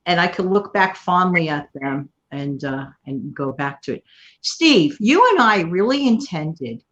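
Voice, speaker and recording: A woman from New York City hosting a casual livestream chat, talking warmly and at length to her viewers and co-host. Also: on the low side, animated, unhurried, muffled recording. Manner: chatty, warm thanks to viewers and co-host. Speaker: channel host.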